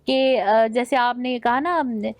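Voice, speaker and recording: A woman's voice: fairly high pitch, no room sound. A woman judging a naat recitation contest, giving direct critiques and sprinkling English words into her Urdu. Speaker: naat competition judge. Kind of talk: judging feedback.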